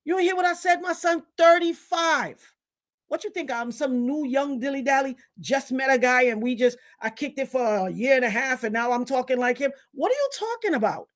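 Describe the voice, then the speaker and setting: Her voice climbs high here, animated and at normal speed, as the middle-aged livestream host, Trinidad-born and Brooklyn-raised, launches into another indignant commentary rant. The Trinidadian Caribbean accent comes through as she hammers her points home.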